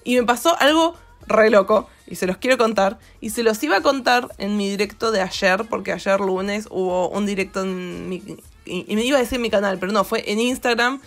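A woman's voice: medium pitch, a little fast. A woman with an Argentine accent, hosting an art channel and chatting casually and ramblingly over her drawing footage, with lots of fillers. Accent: Argentine Spanish.

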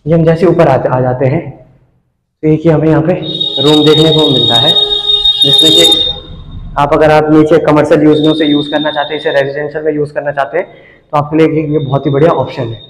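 A young man hosting a real estate channel, giving an upbeat sales pitch as he walks a street and an empty shop, with short pauses between phrases. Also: level tone, fairly bright tone, slight background noise, poor audio. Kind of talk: property walkthrough narration.

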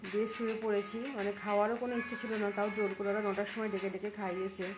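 A woman in her thirties vlogs a family trip, talking casually to a phone camera held at arm's length, first in a hotel room and then outdoors. Her mid-range voice is racing with little pitch movement, and she's chatty but tired and complaining in the morning. Background music and noise play under her voice.

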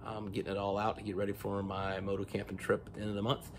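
A man's voice: lowish voice, quick pace, background noise. A man in his forties casually demoing gear in his home garage, rambling with lots of ums, filmed on a phone held at arm's length. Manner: relaxed, rambling, many ums. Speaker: motorcycle vlogger. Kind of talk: casual product demo. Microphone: phone camera at arm's length.

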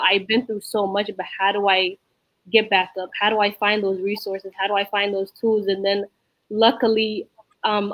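Somali-born woman in her 20s, video call from home, earnest and steady, dry sound. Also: medium pitch, no echo, low-quality recording. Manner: earnest, reflective, measured. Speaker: youth program member. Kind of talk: personal testimony on a video call. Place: room at home with a whiteboard behind. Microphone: laptop webcam video call.

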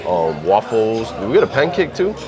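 A man's voice: on the low side, sing-song, normal speed. A man in his thirties, a food vlogger, cheerfully describing dishes while eating in a busy restaurant. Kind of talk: casual food review chat. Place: restaurant dining room by the beach. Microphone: lapel mic. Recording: loud music and crowd behind. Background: piano music and diners chatting.

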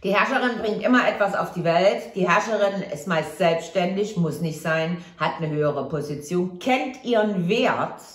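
A woman's voice: on the low side, animated, moderate pace, hardly any pauses, reverberant. A woman giving a casual tarot reading to camera, chatty and reassuring, often tagging on a questioning "ja?". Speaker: tarot reader.

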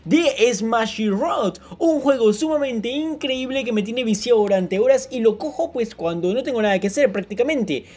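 Excitable young man narrating gameplay. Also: very high voice, normal speed, few pauses. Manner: excitable, lots of exclamations and filler words. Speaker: gaming channel host. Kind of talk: casual gameplay commentary.

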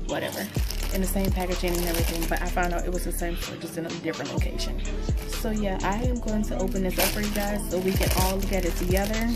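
A young woman giving a casual, rambling product review in a small room, talking with a sore, stitched mouth after having teeth pulled. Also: lowish voice. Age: young adult. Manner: informal, rambling. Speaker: beauty vlogger. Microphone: phone propped at arm's length.

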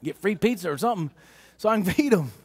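Fervent high-voiced preacher man. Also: lively intonation, quick pace, husky, no room sound, studio quality. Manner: fervent exclamatory preaching, swinging from loud whoops to hushed lows. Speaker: pastor. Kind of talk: sermon. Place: church sanctuary.

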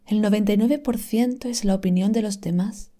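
A woman reading an inspirational text aloud in a calm, scripted manner, slowly and softly, sometimes dropping to a whisper. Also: medium pitch. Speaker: reader of inspirational texts.

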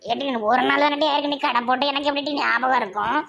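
A woman's voice: sits high, fairly even intonation, quick pace, gravelly, fairly bright tone, a little hiss or hum. A woman with a Tirunelveli Tamil accent acting in a village comedy sketch, scolding and teasing.

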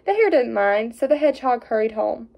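A woman reading a fairy tale aloud in an expressive storytelling way, with small slips. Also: on the high side, fairly quick, creaky, dull audio.

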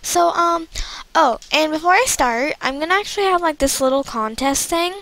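A young woman with a thin, squeaky voice, chatting in a rambling, halting way as casual gameplay commentary. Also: a bit bright, rough recording. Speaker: amateur gaming vlogger. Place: indoors at a computer. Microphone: computer microphone.

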